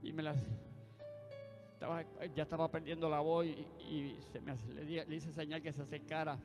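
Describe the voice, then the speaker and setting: A man's voice: a little high, little pitch movement, normal speed. A man preaching a testimony sermon, punctuating his story with calls of amen and praise. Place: church. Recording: church hall reverb with faint music.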